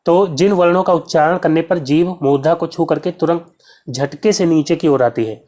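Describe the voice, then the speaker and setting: A man teaches an exam-prep grammar lesson, explaining step by step, posing questions and answering them himself. He says each sound slowly to show its pronunciation, in a voice that is a little high and a little mellow.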